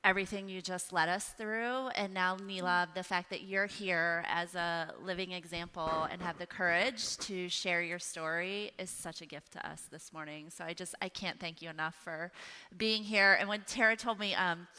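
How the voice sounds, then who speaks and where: A woman hosts an on-stage conversation, thanking and encouraging her guest. Her voice is bright and smooth, at a middle pitch. Long hall reverb follows her words. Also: fairly even intonation, normal speed. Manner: warm, effusive, encouraging. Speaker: host. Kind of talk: stage interview in a church ministry event. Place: church hall.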